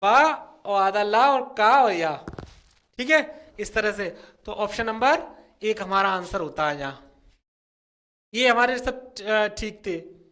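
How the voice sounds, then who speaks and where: High, bright-voiced male exam teacher. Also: lively intonation. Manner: repeats words slowly and drawn out, fills with "theek hai". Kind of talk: explaining spelling questions from a whiteboard.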